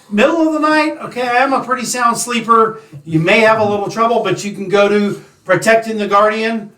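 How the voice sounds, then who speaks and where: A man's voice: sits high, fairly bright tone, roomy sound, recorded from a distance. A male host of a casual interview show who talks straight to his viewers in a friendly way. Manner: friendly, direct address to viewers. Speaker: podcast host.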